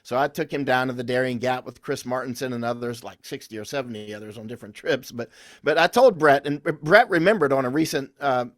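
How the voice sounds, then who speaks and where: A man's voice: mid-range voice, fairly quick, a bit bright, dry recording, clean studio sound. A man speaking as a podcast guest, telling rambling, anecdotal stories with restarts and confident, emphatic declarations. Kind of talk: conversational interview storytelling.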